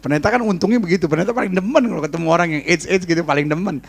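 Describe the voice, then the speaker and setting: A man's voice: a little high, rapid-fire, gravelly, breathy edge. A male pastor preaching a humorous, storytelling sermon to a church congregation, tossing in English phrases and calling out to the crowd.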